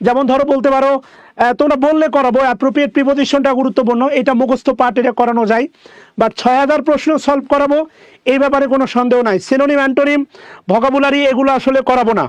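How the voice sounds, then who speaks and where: High-pitched guy teaching grammar, keeps repeating the words, dry no-echo sound. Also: steady tone. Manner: repeats words slowly while explaining. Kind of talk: grammar lesson.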